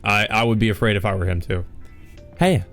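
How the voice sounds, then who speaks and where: A man's voice: lowish voice, fairly even intonation, racing, fairly bright tone, faint music behind. A man reading a visual novel aloud as a let's play host, with informal, rambling commentary. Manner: informal, sweary, rambling asides.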